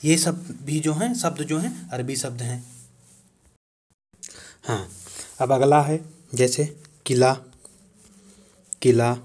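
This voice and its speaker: A man teaching a lesson, reading a word list slowly and saying each word twice. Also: mid-range voice, darkish tone, breathy edge. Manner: slow, repeats each word twice while writing on a board.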